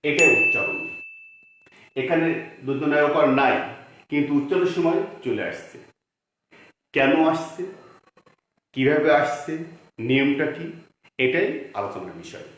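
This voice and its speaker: A man with a Bangladeshi Bengali accent teaching a grammar lesson, explaining slowly, repeating words and asking rhetorical questions. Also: fairly high pitch, animated, a bit bright. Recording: very echoey room.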